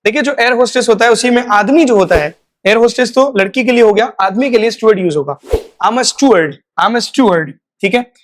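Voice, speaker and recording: A man teaching a spoken English lesson. He repeats each example phrase, stretches it out slowly, and checks in often with "right?". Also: very high-pitched. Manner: slow, drawn-out model phrases; repeats words for practice.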